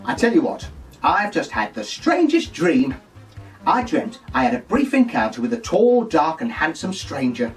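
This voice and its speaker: A man playing a gossipy, saucy pantomime dame in a camp, shrill, mock-scandalised voice, delivering a comic monologue. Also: wildly swooping pitch, moderate pace, distant mic, soft background music. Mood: gossipy, dreamy. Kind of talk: comic monologue full of puns.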